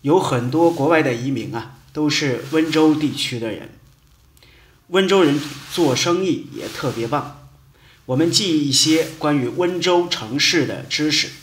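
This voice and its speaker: A man teaching a memory lesson, chanting short mnemonic verses slowly and deliberately. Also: fairly high pitch, a bit bright. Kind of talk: educational lesson with mnemonic rhymes. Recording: echoey room.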